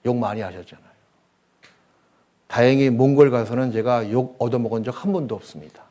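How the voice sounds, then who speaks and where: A male pastor preaching a sermon in a church, telling anecdotes with humor and swinging between loud bursts and quiet asides. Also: medium pitch, fairly quick. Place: church hall.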